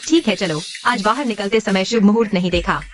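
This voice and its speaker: A woman dubbing a sharp-tongued, protective young woman in a short drama, firm and scolding. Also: mid-range voice, brisk, faint music behind, natural voice.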